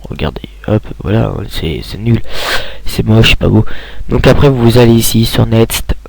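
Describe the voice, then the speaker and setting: A man's voice: lowish voice, expressive, moderate pace, vocal fry, a little mellow, dry recording. A young man giving a casual screen tutorial, rambling with many hesitations and restarts, talking into a computer mic at home.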